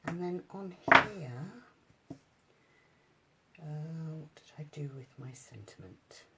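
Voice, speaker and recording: A woman demonstrating paper crafts at home, chatting in a relaxed way and thinking aloud with many ums. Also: low-pitched, slow, very noisy. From United Kingdom. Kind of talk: casual craft tutorial.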